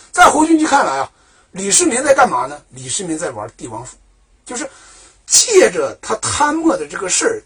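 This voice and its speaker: Speaking at a fairly high pitch with a touch of roughness, this man recounts history in casual, everyday language. His delivery is lively and talkative, full of questions he asks and answers himself.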